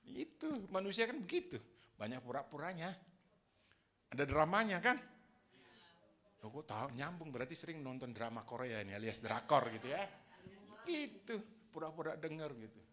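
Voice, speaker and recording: A man's voice: a little high, very animated, normal speed, pauses often, sharp tone. A man preaching a sermon to his congregation in a conversational way, teasing them with questions and laughing along.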